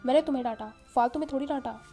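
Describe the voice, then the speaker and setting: A woman's voice: high-pitched, rapid-fire, warm tone, soft background music. Woman voicing an irritable mocking young man. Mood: irritated.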